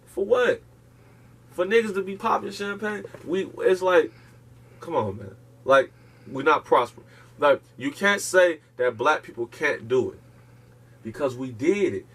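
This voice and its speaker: Appearing as an interview guest, a man lectures with emphasis and profanity, firing off rhetorical questions in impassioned, casual talk. His fairly high voice is husky and fairly bright, with a sing-song lilt and a slightly slow delivery.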